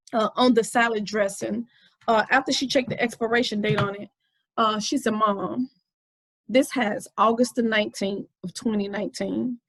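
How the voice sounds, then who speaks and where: Woman podcaster in her 40s telling a story, lots of uh's, slightly high voice, dead dry sound. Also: no room sound, low-quality recording. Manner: storytelling, conversational with many fillers. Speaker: podcast host. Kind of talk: casual inspirational talk.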